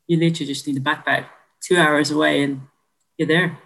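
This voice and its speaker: A woman's voice: low-pitched, fairly even intonation, fairly quick, creaky, fairly bright tone, poor audio. A young woman from Hungary, a podcast guest, chatting in an upbeat, friendly way. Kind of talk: casual chat.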